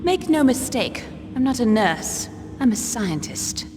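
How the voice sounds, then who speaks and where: A woman's voice: fairly high pitch, very animated, unhurried, music in the background. A woman voicing a cool, precise military scientist in a video game, explaining in a firm clinical manner. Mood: firm, indignant. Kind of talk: dramatic video game voice acting. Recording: long hall reverb, noisy ambience behind.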